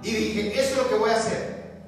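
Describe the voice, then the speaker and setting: A male pastor, preaching a sermon and telling stories in an animated way, mixing in English words. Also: sits high, brisk. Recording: echoey church hall, distant mic, music behind.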